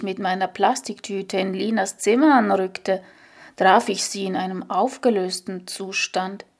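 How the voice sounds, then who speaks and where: A woman reading a literary story aloud in a measured, deliberate way. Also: medium pitch.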